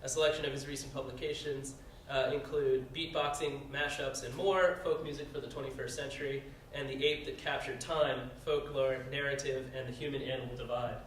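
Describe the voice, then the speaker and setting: A panel moderator in a conference room reads out the speakers' bios, peppering them with lots of "uh" fillers. His medium-pitched voice is a bit bright, brisk, and fairly even in intonation, heard from a distance in a very echoey room with slight hiss or hum.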